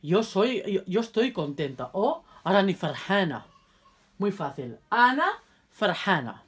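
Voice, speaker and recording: A woman giving a casual video lesson, repeating phrases carefully for viewers and chatting in quick asides while she handles her cards. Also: medium pitch, very animated, breathy edge. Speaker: language teacher.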